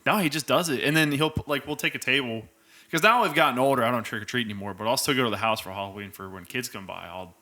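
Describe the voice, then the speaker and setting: A man's voice: mid-range voice, fast, sharp tone. A young man co-hosting a podcast, rambling in casual chat with lots of filler words. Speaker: podcast co-host.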